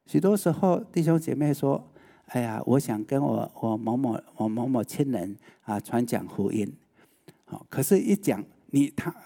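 A man's voice: on the high side, warm tone. A male preacher, giving a sermon and often putting rhetorical questions to the listeners.

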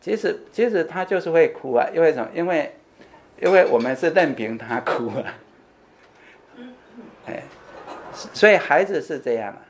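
A man's voice: on the high side, animated, normal speed, long pauses, a little hiss or hum. Man, preacher, conversational sermon, rhetorical questions, repeated phrases, "you know?" tags, faint room ambience. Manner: asks the congregation questions and answers them himself; repeats key phrases for emphasis.

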